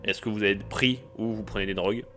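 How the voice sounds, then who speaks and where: A man's voice: on the low side, fairly even intonation, fast talker, bright, forceful tone, soft background music. A man playing a male police officer who takes a statement in a formal, clipped way in a tabletop game.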